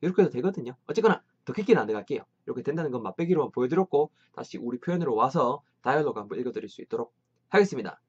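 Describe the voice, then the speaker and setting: A man teaching an English lesson, lively, drilling phrases slowly and repeatedly. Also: medium pitch, husky, muffled recording.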